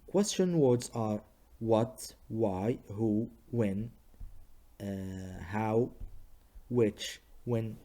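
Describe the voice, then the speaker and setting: A male English teacher giving a recorded lesson to students, talking slowly and patiently and saying each example sentence several times. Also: medium pitch, dark tone. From Libya. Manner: slow, patient, models sentences by repeating them.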